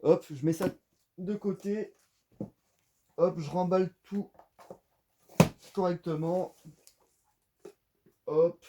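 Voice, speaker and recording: A man's voice: high-pitched, takes it slowly, long pauses, background noise. A man giving casual, rambling unboxing commentary at home, full of fillers. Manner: rambling, filler-heavy, chatty. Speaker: unboxing vlogger.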